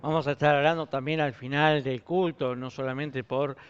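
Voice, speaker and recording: Man, Rioplatense accent, pastor, church announcements, informal, smooth voice, muffled recording. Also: medium pitch, steady tone, normal speed. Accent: Rioplatense Spanish. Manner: informal, chatty, with many fillers. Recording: muffled lo-fi stream.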